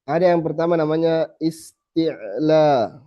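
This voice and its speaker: A man teaching a small group how to recite, saying letter sounds slowly again and again and then correcting them. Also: a little high. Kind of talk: tajweed lesson to a small group. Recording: slightly dull lo-fi recording.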